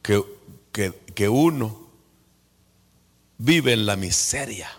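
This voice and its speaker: Gravelly, slow Guatemalan preacher in a reverberant hall. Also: male voice, fairly low pitch, lively intonation. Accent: Guatemalan Spanish. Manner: dramatic swings from hushed whispers to fervent shouts. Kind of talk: sermon.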